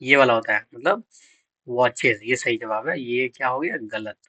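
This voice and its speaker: A man's voice: mid-range voice, normal speed, pushed and bright, no room sound, poor audio. A man teaching English grammar for exam prep. He quizzes students, answers his own questions and spells out words letter by letter.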